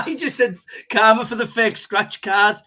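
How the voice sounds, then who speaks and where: A young man co-hosting a casual chat show, telling sweary anecdotes and laughing at himself. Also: very high-pitched. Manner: animated storyteller, quick to laugh at himself. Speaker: co-host.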